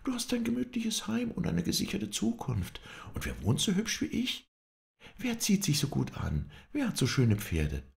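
A man reading an audiobook voices a proud young woman who pleads and then defiantly defends herself, lifting his voice high. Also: creaky, heavily acted.

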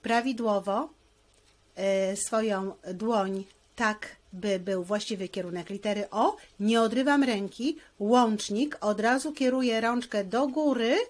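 Slow patient woman teaching handwriting. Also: on the high side. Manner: slow, patient, explaining step by step. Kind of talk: handwriting lesson.

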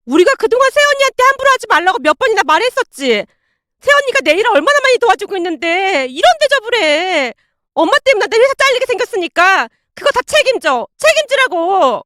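A woman voicing a young woman who yells and wails at her mother. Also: very high-pitched, sing-song, a little fast, no echo, pitched above the performer's own voice, full character voice. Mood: sobbing. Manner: wailing, yelling. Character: young woman, furious sobbing daughter.

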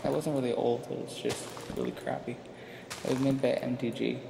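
Talking a little fast in a mid-range, level, creaky voice, a young gaming YouTuber rambles informally and jokes at his own expense. A retainer leaves him with a slight speech impediment. The sound is roomy and echoing, with music and a noisy background.

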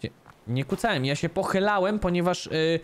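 Young man gaming, lively joking voice. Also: high voice, moderate pace. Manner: joking, teasing, animated. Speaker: gaming YouTuber. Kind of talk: casual co-op gameplay banter.

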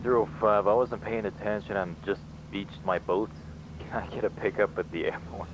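Low-voiced man over a muffled police radio. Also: normal speed. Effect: heard over a police radio. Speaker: roleplay police officer. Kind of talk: casual radio call in a roleplay game. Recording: muffled, distant radio transmission with noise.

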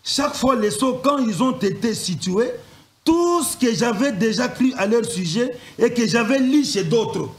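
A man with an unusually high voice reads and paraphrases sermon passages, stopping and restarting as he goes. His voice bounces around an echoey room. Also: expressive, a little slow. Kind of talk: reading and paraphrasing sermon quotations.

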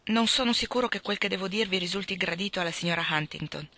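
A woman voicing a blunt, hearty young gentleman who talks loudly and forcefully. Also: medium pitch, quick pace, dry recording. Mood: boisterous, pushy. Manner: forceful, shouting, blustering.

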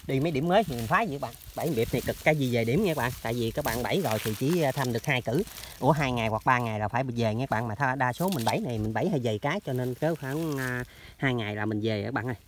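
A man's voice: mid-range voice, rapid-fire. A man talks casually to viewers of his vlog while he walks and wades through rural orchards and canal banks. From southern Vietnam. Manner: chatty, addresses viewers constantly. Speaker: trapping vlogger. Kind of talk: casual outdoor vlog narration. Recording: noisy outdoor field recording.

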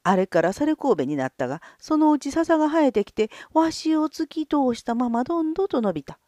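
Eerie singing skull of a murdered merchant, whispery and drawn-out, as a storyteller voices him; folk-tale ghost. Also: female voice, sits high, big pitch swings, dark tone, dry recording, pitched above the performer's own voice.

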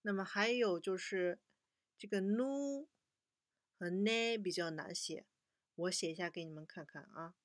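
A young woman teaching a children's language lesson, patiently slowing down to model each word for repetition. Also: fairly low pitch, no room sound, clean studio sound.

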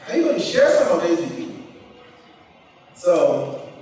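A middle-aged man from Cameroon tells his life story to a student audience, holding a handheld mic on a large auditorium stage. His voice sits a little high. The sound rings through a big hall and comes from some distance. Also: measured pace. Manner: storytelling, animated gestures. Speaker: keynote speaker. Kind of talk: motivational speech to students. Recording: echoey hall, picked up from far.

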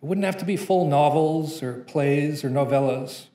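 With a dark tone and moderate pace, a young poet from Canada reads a spoken-word poem from notes into a podium mic. He is slightly high-pitched and plays with rhythm, while the conference room echoes around him.

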